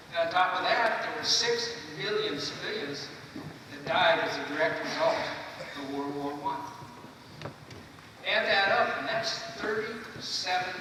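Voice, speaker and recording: Older man, podium speech, theatrical and emphatic, deliberate pauses, very reverberant hall, heavy noise. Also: fairly high pitch. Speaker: guest speaker, retired naval officer. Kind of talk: podium speech to a school assembly. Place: large echoing hall. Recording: echoey hall, distant mic, loud noise.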